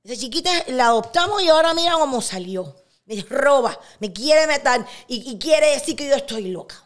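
A woman's voice: high-pitched, expressive, normal speed, pitched above the performer's own voice. A woman with a Cuban accent voicing her elderly, confused mother who accuses and complains. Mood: indignant.

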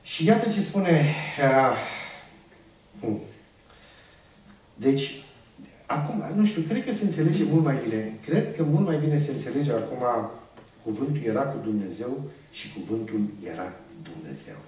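A man's voice: mid-range voice, expressive, pauses often, a little mellow. A man preaching a sermon, teaching by asking his congregation questions and answering them himself. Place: church hall. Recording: echoey church room, distant mic.

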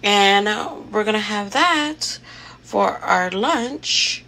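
A woman's voice: mid-range voice, lively intonation, drawn-out words, pushed and bright, rough recording. A woman vlogging casually on a handheld phone in a large indoor gym. She is chatty, laughs at herself and swears casually. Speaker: lifestyle vlogger. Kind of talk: casual vlog talk to camera. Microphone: handheld phone close up.

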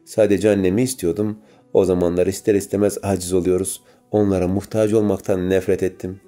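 A man's voice: deep voice, flat delivery, fairly quick, dark tone, soft background music, lightly acted. A man playing a menacing scarred killer. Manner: menacing, cold. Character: scarred male serial killer, menacing and bitter.

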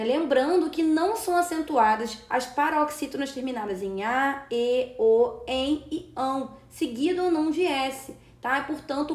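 Brazilian woman teacher, high voice, patient step-by-step explainer, echoey room. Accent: Brazilian Portuguese. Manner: explanatory, checks in with "né" and "tá". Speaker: Portuguese teacher. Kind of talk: exam-prep lesson. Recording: roomy echo.

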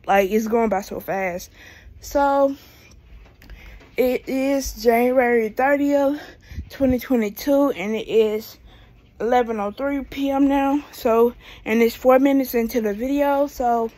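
A young American woman, 22, walks back and forth in a small room at home, rambling casually for her vlog into a phone held at arm's length. Her voice sits a little high and sounds mellow.

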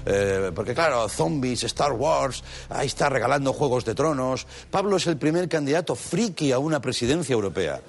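A man's voice: mid-range voice, animated, moderate pace, husky. A man hosting a late-night comedy show, delivering a mocking monologue full of playful asides. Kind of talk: comic monologue. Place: TV studio with a live audience. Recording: studio audience and noise.

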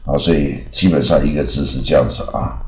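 A man's voice: very deep voice, fairly even intonation, brisk, reverberant, low-quality recording. A man from Taiwan giving a casual, rambling English lesson, full of filler particles and restarts. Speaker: English teacher.

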